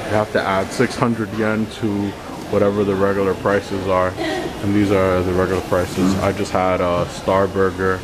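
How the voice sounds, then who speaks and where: A man's voice: low-pitched, flat delivery, moderate pace. A man casually vlogging as he walks through an airport food court, rambling easily and repeating words as he goes, recorded on his handheld camera. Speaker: travel vlogger. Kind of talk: casual walking vlog. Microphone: handheld camera mic while walking. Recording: loud airport ambience under voice. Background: airport hall noise.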